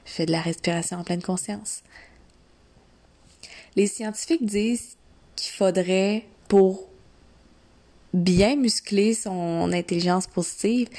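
A woman with a Quebec French accent giving an instructional coaching talk to one listener, deliberate and directive, speaking phrase by phrase with repetition. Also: mid-range voice, gravelly, darkish tone. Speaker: mindset coach.

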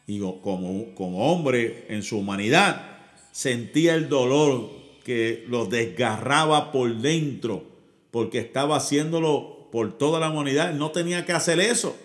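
A pastor preaching a sermon, who often repeats words and asks the congregation "right?". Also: male voice, mid-range voice, animated, a little slow.

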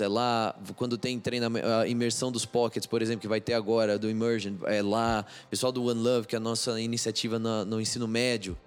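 An easygoing man with a Brazilian Portuguese accent talks in a relaxed conversational flow, his pitch sitting in an ordinary middle range. He fills his sentences with casual tags as he explains his work as an interpreter. Soft music runs faintly underneath. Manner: laid-back, easygoing talk with many fillers like "cara" and "né". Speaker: church interpreter and ministry leader.

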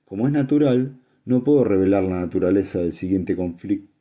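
A man reading aloud and voicing a male sage who speaks calmly and formally in a recorded message. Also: low-pitched, highs cut off. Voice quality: calm, measured, formal.

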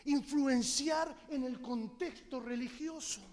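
Male preacher, very high voice, fiery delivery with shouted peaks, long hall echo. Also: slow pace, slight background noise. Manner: impassioned, bursts into shouted emphasis; tells humorous stories to the congregation. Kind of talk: sermon.

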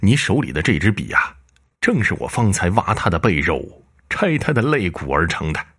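A man voicing a ghost general from the underworld, cold and commanding, deep and slow. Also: very animated, a bit bright, husky, heavily acted.

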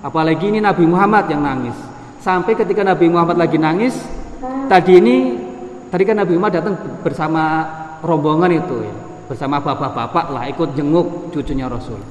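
A man with a Javanese accent giving a religious lesson. He chants Arabic text slowly and then explains it in relaxed, conversational speech. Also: fairly high pitch. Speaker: ustadz teaching a hadith book. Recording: echoey room, long reverb, faint noise.

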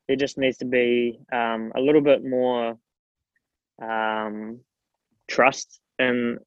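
A man's voice: medium pitch, dry recording, phone-quality sound. A young man with a broad New Zealand accent chatting casually and earnestly in an interview, using plenty of informal slang. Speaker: strength and conditioning coach, guest.

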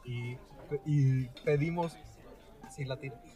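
A young man with a Mexican accent telling a story in casual chat, animated and imitating relatives. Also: slow pace, faint music behind. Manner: animated storyteller, mimics relatives in high voices.

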